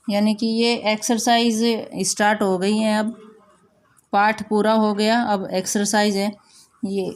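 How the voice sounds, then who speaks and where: A woman teacher explaining a school lesson slowly and patiently, repeating her instructions. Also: mid-range voice. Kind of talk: recorded classroom lesson.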